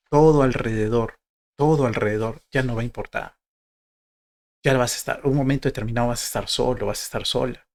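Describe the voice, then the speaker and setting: A man giving a motivational talk to exam applicants, conversational, often tagging his points with questions. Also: medium pitch. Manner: conversational, many tag questions and rhetorical questions. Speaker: motivational speaker for university applicants.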